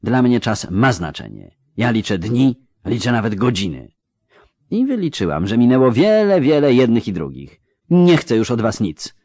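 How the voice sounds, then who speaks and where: A man's voice: medium pitch, huge pitch swings, moderate pace, dark tone, no room sound, studio quality. A man voicing a proud, angry young woman who protests in heated, indignant outbursts.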